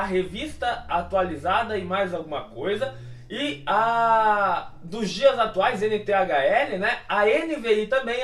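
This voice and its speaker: A man's voice: sits high, fairly bright tone, recorded from a distance, slight background noise. A Brazilian man, a pastor, explaining Bible words in a teaching style. He poses questions to himself and answers them, with frequent checking tags. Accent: Brazilian Portuguese. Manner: explanatory, asks and answers his own questions. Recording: echoey room, voice off-mic.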